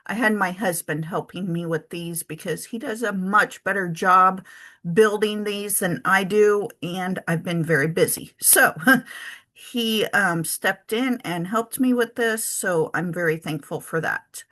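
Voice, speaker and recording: A woman's voice: mid-range voice, a little slow, pushed and bright. A woman giving a casual spreadsheet tutorial for her travel business, chatty and thinking aloud with lots of ums and self-corrections. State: has the hiccups. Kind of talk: casual screen-share tutorial.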